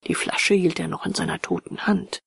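A woman narrates a ghost story at a measured, hushed pace, often slipping toward a whisper. Her voice is husky with a gravelly fry, and the sound is dry and close. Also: on the low side, fairly even intonation, no echo. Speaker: audiobook narrator.

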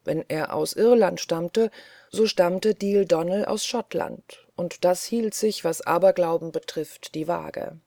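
A woman narrating an audiobook in a calm, measured storytelling manner. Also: fairly low pitch, gravelly, no echo, studio quality. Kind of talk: scripted narration.

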